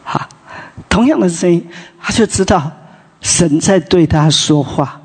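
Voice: medium pitch, expressive, unhurried, darkish tone, breathy edge, in a large hall. A preacher telling a story in a sermon at a morning prayer meeting, chatty, with many tag particles and restarts.

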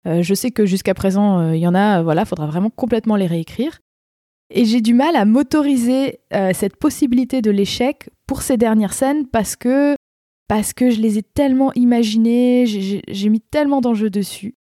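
A woman's voice: on the high side, normal speed, warm tone, no room sound, studio quality. A woman hosting a casual book and writing podcast, chatty with frequent hesitations. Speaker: podcast host.

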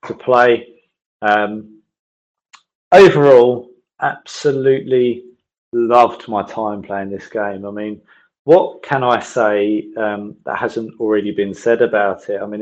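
A man leaving an enthusiastic, rambling voicemail over a landline phone, giving casual game impressions with many restarts. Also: on the low side. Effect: heard over a landline phone as a voicemail message. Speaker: gamer leaving a voicemail review. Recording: dull lo-fi phone line.

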